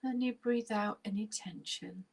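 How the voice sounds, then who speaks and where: Soft, breathy and husky, a woman's near-whispering voice leads a guided relaxation meditation. She speaks at medium pitch in a soothing, unhurried manner, leaving long pauses.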